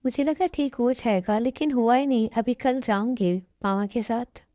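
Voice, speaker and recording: A woman voicing a gentle, hurt young wife who pleads softly, in a fan dub. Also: on the high side, normal speed, no room sound, close to an everyday voice. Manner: soft, pleading.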